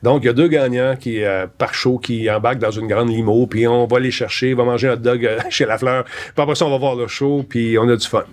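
A middle-aged man with a Québécois French accent, a former music-TV host, telling anecdotes in a lively way and acting out the people in them. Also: mid-range voice, brisk. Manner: lively anecdote-teller, acts out voices and mixes in English quotes. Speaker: former VJ, guest. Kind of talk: animated storytelling in conversation.

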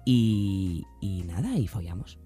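Animated woman from the Basque Country. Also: a bass voice, slow, over music. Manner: animated, acts out quoted voices. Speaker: storyteller. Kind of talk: comic anecdote in casual group chat.

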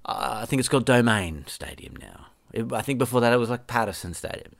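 This Western Australian from Perth hosts his own podcast, chatting loosely, correcting himself often and swearing now and then; he's also a musician. He speaks briskly with lively intonation in a medium-pitched, creaky voice, and there's no room sound.

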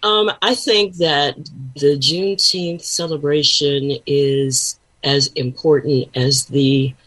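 Slow, husky-voiced woman guest. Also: deep voice, fairly even intonation, a bit bright, poor audio. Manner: halting, searching for words. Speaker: guest, pastor and counselor. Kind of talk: conversational interview.

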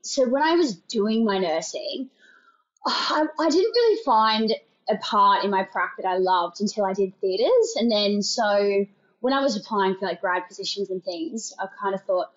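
A woman's voice: medium pitch, lively intonation, normal speed, lo-fi sound. A young Australian woman from Queensland, a guest on a podcast, chatting casually and laughing often. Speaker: guest, nurse. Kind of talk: casual interview chat.

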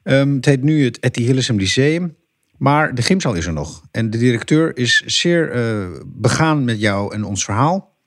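A man leaving a casual, hurried voicemail, chatty and full of fillers. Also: mid-range voice, expressive, slight background noise.

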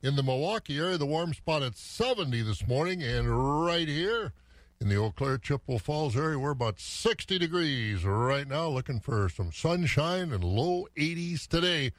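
A man's voice: a little high, animated, normal speed, no room sound. An American man hosting morning radio, rambling casually and musing aloud in a folksy way, in a dry studio. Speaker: morning farm radio host. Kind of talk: casual radio chat and weather report.

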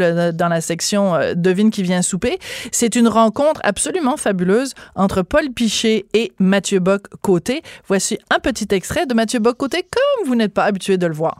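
A woman with a Quebec French accent hosting a talk radio show, brisk and chatty. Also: mid-range voice, no echo, studio quality. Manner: brisk, chatty, quick laughs. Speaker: radio host.

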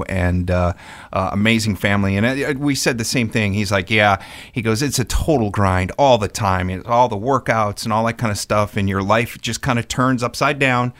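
A man hosting a radio talk show, chatty and jokey, often cutting in with quick remarks. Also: low-pitched, a bit bright. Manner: chatty, jokey, eager interjections.

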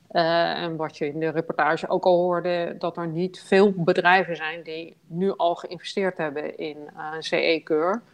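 Gravelly-voiced woman on a phone line. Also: on the low side. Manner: hesitant, halting with many fillers. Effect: heard over a phone line. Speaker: guest expert on a phone line. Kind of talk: panel discussion.

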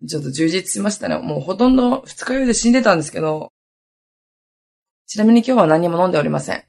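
A woman around thirty hosting her own podcast, hoarse today and chatting in a lively, rambling way with many asides. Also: on the low side, fast talker. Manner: chatty, animated storytelling with lots of asides. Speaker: podcast host. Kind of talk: casual solo podcast chat.

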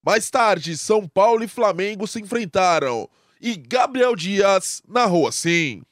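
A man's voice: high-pitched, lively intonation, unhurried, background noise. A Brazilian man reading scripted introductions as a radio sports announcer.

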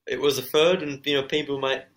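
A man's voice: mid-range voice, fairly even intonation, fairly quick. A male racer with a mid-range voice answering interview questions. He is casual and understated. His modest replies are padded with frequent conversational fillers. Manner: modest, understated, leans heavily on "you know". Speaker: professional motorcycle racer being interviewed.

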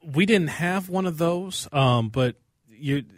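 A man's voice: a little high, slow pace, no room sound, studio quality. A man co-hosting a radio talk show, talking hesitantly with stumbling restarts. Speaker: radio co-host. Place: radio studio.

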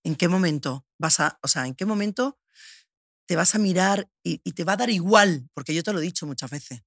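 A woman's voice: fairly low pitch, animated, fairly quick, dry recording, studio quality. A woman hosting an intimate interview, asking probing, empathetic questions and often checking in with the guest. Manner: probing, empathetic questions, frequent "you know?" tags. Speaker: interview host.

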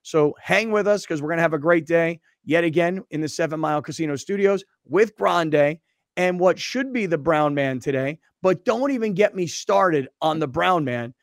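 A middle-aged man hosting a sports talk radio show, energetic and conversational. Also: fairly high pitch, normal speed, dry recording, studio quality.

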